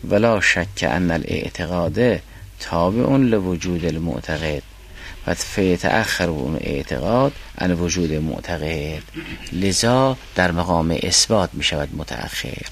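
A man teaching a class on a mystical philosophy text, reading classical quotations slowly and then explaining them. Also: low voice, lively intonation, a little hiss or hum.

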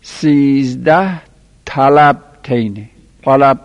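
A man with a gravelly, creaky voice teaches a class, dictating a numbered list and spelling each item slowly so students can write it. He speaks at an ordinary pitch. The sound is dull and lo-fi, with a long reverb trailing behind him. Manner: counts items aloud and spells letters slowly. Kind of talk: classroom lesson dictating Arabic verbal nouns. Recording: lo-fi recording in a reverberant room.

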